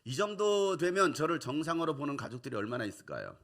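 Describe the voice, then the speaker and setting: A man's voice: a little high, big pitch swings, fast talker, a bit bright. A middle-aged male pastor preaching a sermon, telling a personal story and acting out the voices of his family.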